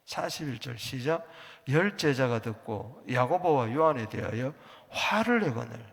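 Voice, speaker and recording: A man's voice: mid-range voice, animated, a little slow, vocal fry, big-room sound. A male pastor preaching emphatically to his congregation, having them repeat lines after him. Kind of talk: sermon. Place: church sanctuary.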